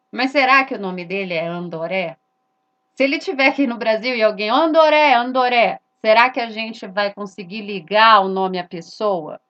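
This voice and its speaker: A woman's voice: medium pitch, fairly bright tone, lo-fi sound. A woman, giving an explanatory lesson that points at letters and poses rhetorical questions she answers herself. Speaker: religious teacher.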